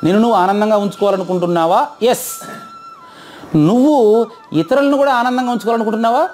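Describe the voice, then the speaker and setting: Man, lecturer, high-pitched, rapid, questions his listeners, music faintly behind. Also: darkish tone. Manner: quizzes audience, repeats questions. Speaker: teacher. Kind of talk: interactive lecture.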